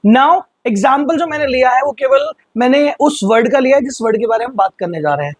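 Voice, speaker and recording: A man teaching English vocabulary in Hindi, explaining patiently and slowly repeating words for pronunciation. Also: extremely high pitch, expressive, husky, no echo. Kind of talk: vocabulary lesson.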